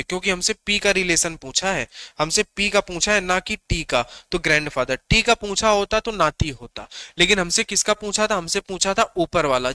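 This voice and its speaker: A young adult man teaching an exam-prep reasoning class in a high, bright voice. He poses questions and answers them himself, repeating each step. The sound is clean and dry, close to the mic. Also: smooth, dry recording. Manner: repetitive, asks and answers his own questions; coaxing.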